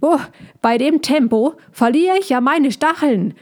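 Woman doing a storybook hedgehog, male, small, fussy, scolding, high-pitched, loud, agitated. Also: measured pace. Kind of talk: storybook reading.

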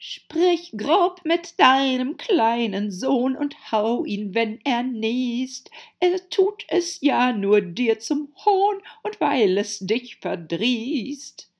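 A woman voicing a harsh, bossy noblewoman with a hoarse growl, snapping her words out rudely in an audiobook. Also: sits high, sing-song, muffled recording, voice pushed up, heavily acted. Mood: gruff singsong. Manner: snappish, rude, drawn-out words. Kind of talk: audiobook character voice.

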